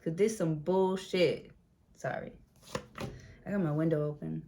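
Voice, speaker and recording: Blunt, lower-voiced woman reading tarot. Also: fairly even intonation, a little slow, noisy background. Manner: blunt, profane, chatty. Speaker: tarot reader. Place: room with a window open.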